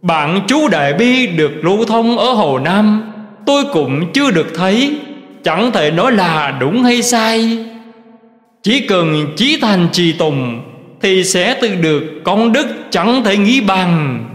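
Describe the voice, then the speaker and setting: A man giving a slow, measured recitation of Buddhist teachings in a scripted reading style. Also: high-pitched, animated. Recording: roomy recording with long reverb.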